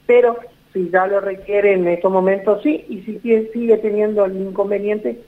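A man with an Argentine Spanish accent speaks in a high, steady voice at normal speed. He is an executive director appearing as a guest on a radio phone interview, sounding reassuring but repeating himself and using lots of fillers. The tinny phone line colors the audio.

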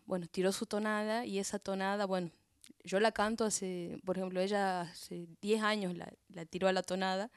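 A woman's voice: mid-range voice, clean tone, no echo, clean studio sound. Hesitant Argentine woman explaining folk song. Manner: hesitant, searching for words with many fillers. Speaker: folk singer guest. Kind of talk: explaining a folk tradition on radio.

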